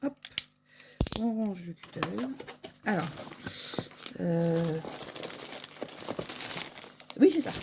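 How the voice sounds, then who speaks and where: A woman's voice: lowish voice, animated, extremely slow, long pauses, very noisy. A French woman chatting casually through an unboxing, hesitant and full of fillers, with packaging crinkling behind her. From France. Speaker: sewing shop owner.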